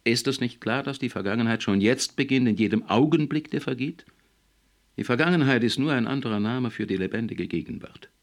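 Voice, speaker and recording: A man's voice: medium pitch, expressive, fairly quick, voice pushed up, natural voice. A man reading an audiobook, voicing a cold, stern male official who questions and lectures in a cool, probing manner. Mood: lecturing.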